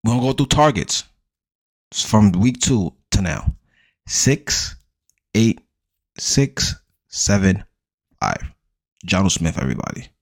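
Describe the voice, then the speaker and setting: A man hosting a fantasy football show, talking casually and bluntly with lots of swearing, rattling off stat lines and mocking the hype around players. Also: on the low side. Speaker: fantasy football podcast host. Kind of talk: casual profane sports chat.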